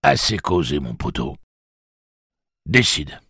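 A man's voice: a bass voice, very animated, takes it slowly, vocal fry, pushed and bright, husky, no room sound, studio quality, full character voice. A man voicing a gleeful, crude old pirate who mocks and threatens in coarse slang. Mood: taunting. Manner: mocking, coarse taunting.

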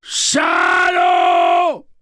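A man voicing an enraged, blinded male messenger robot, shrieking in a very high, slow, drawn-out voice. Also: gravelly, fairly bright tone, dry recording, a faint crowd, exaggerated voice. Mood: raging.

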